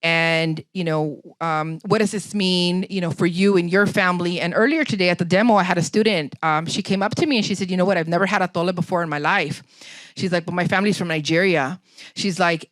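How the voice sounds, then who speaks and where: A woman with a Los Angeles accent speaks as a guest at a public lecture. She answers in an unhurried, reflective way and leans on fillers. The sound is dry and close. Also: on the low side, no echo. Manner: thoughtful, unhurried, many fillers. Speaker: guest speaker, chef and anthropologist. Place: lecture hall.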